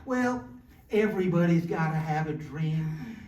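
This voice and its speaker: A man's voice: on the high side, animated, a little slow, darkish tone. A folksy old prospector acted by a man drawls plainly through a comic Western sketch. He is a dreamer of the Old West, heard from a distance in a roomy space. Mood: folksy, wistful. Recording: roomy, distant mic, faint noise.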